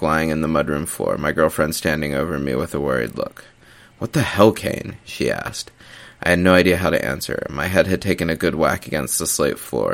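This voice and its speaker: Deep, gravelly male horror narrator. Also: fairly bright tone. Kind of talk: scripted horror story narration.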